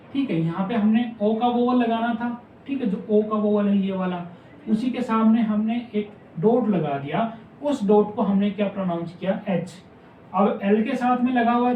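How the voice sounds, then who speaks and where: A man teaching a shorthand class, explaining step by step and slowly repeating each word, asking questions back to his students. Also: sits high, far from the mic, phone-quality sound, a little hiss or hum. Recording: echoey room, mic some way off.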